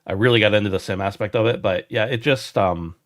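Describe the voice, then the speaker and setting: A man's voice: on the low side, fast, no echo, clean studio sound. A man hosting a casual gaming podcast, easygoing and chatty. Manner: easygoing, chatty, frequent restarts. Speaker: podcast host.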